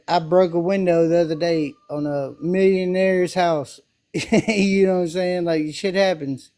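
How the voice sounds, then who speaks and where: A man's voice: on the high side, darkish tone. A man from South Memphis with a Southern accent, chatting casually on a call, laid-back, laughing often and cursing freely. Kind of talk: casual chat.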